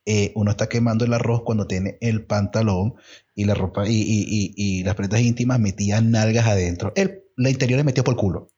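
A Venezuelan man co-hosting a podcast, playful and animated in casual chat. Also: fairly low pitch, fairly quick, breathy edge, lo-fi sound. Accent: Venezuelan Spanish. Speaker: podcast co-host.

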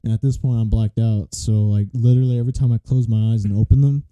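A young man co-hosting a casual podcast, spinning a long, rambling first-person story. His voice is very dark and mellow, with a middle pitch. He talks loosely, with plenty of "like" and "so" in each stretch. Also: steady tone, quick pace, smooth, highs cut off. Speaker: podcast co-host.

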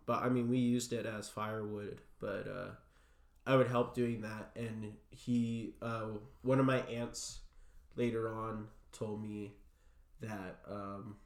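A young man being interviewed, telling a personal story in a halting way full of fillers. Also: lowish voice. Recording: roomy echo.

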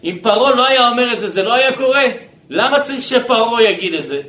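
A man teaching a Torah lesson as a rabbi, animated and asking his listeners questions. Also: very high-pitched, reverberant, low-quality recording.

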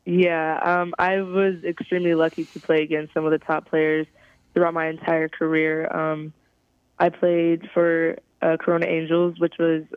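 A young woman from California, a college softball player, giving halting, thoughtful interview answers over a phone call. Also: low-pitched, completely flat delivery, clean tone, no room sound. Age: young adult. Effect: heard over a phone call. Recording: tinny, dry phone line.

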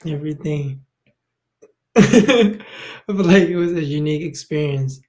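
On a podcast, a young man from Thailand chats casually as the guest, meandering easily with lots of fillers and restarts. He speaks unhurriedly in a voice on the high side with a darkish tone.

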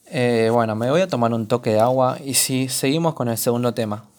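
A man's voice: mid-range voice, brisk, a little mellow. A young man with a Rioplatense Spanish accent hosting a solo podcast, chatting casually and rambling as if talking to a friend. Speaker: podcast host.

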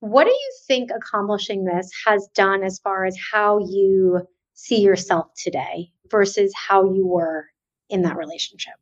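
A woman hosting an interview, reacting warmly to her guest's stories and asking follow-up questions. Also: mid-range voice, lively intonation, a little slow. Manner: reactive, laughs along with guest. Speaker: podcast host. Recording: slightly dull lo-fi audio.

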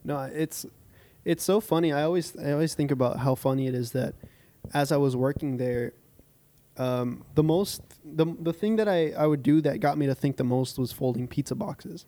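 Young man, casual chat, rambling storyteller with a slightly higher voice. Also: moderate pace, dark tone. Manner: rambling storyteller, many fillers and restarts. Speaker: coffee shop employee.

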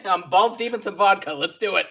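A man's voice: high voice, a little fast, pushed and bright, breathy edge. A man co-hosting a podcast with teasing, quippy, casual chat. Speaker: podcast co-host.

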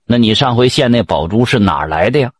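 Folk-tale emperor, as a male storyteller puts him on, lordly and measured, his words drawn out slowly in a lower, husky tone. The sound is close and dry. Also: lively intonation, dry recording. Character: old-time emperor, slow and lordly.

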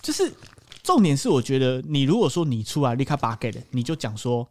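A man's voice: mid-range voice, brisk. A young man with a Taiwanese Mandarin accent hosting a podcast, telling stories in casual chat full of swearing. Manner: profane, animated storytelling. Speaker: podcast host.

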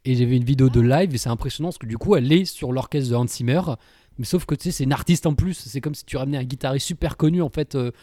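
Young guy rambling to a friend, slangy, lots of euh, mellow dark tone, dry close sound. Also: mid-range voice, quick pace, no room sound. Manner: relaxed, slangy, hesitant with many fillers. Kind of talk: casual chat between friends.

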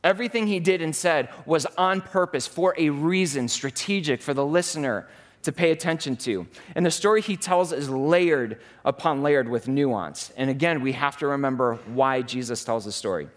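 A man's voice: on the high side, normal speed. A man in his thirties giving a conversational, enthusiastic sermon as a pastor.

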